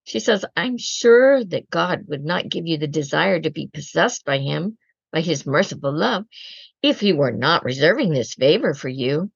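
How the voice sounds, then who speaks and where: A woman gives a slow, reflective spiritual talk as a Secular Carmelite speaker, deliberately quoting prayers and reflecting on them. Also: deep voice, animated, vocal fry, slightly rough, no echo, muffled recording.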